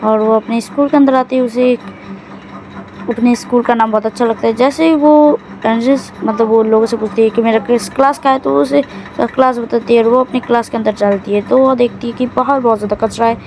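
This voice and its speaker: A woman's voice: on the high side, steady tone, brisk, darkish tone, a little hiss or hum, poor audio. A woman casually recapping a drama's plot in a loose, rambling way, often correcting herself mid-sentence.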